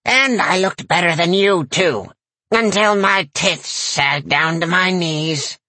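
A man's voice: high voice, takes it slowly, pushed and bright, no room sound, pitched above the performer's own voice, full character voice. A man voicing a crabby, foul-mouthed old woman who runs a shop, sneering and cackling.

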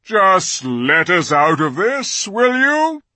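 A man voicing a majestic male lion king with a slow, booming delivery. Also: sing-song, bright, forceful tone, no room sound, heavily acted.

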